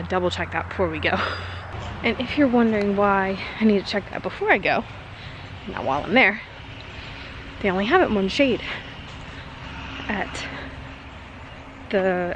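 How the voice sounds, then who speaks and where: A woman vlogging outdoors in a casual chat to her camera, rambling and correcting herself as she goes. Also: medium pitch. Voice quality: rambling, chatty, self-correcting. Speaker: beauty vlogger. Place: outdoors, walking and at a backyard swing. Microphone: camera mic, handheld then on a tripod. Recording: outdoor noise behind the voice.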